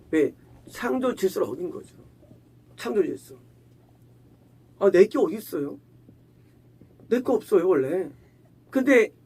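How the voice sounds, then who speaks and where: A male pastor with a high, husky voice that swoops up and down as he preaches. He talks to the congregation like a conversation, firing off rhetorical questions and playing out little quoted exchanges. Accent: Korean. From Korea. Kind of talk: sermon.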